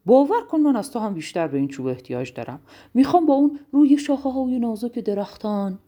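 A woman's voice: on the low side, wildly swooping pitch, slightly rough, lo-fi sound, exaggerated voice. A woman voicing a proud, showy acrobat monkey in a children's story. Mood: boastful. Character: boastful tightrope-walking monkey.

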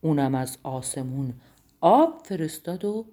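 A woman's voice: big pitch swings, warm tone. Woman doing a panicked young shepherd. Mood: reproachful. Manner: cries out urgently, high and strained. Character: panicked male shepherd, anxious and earnest.

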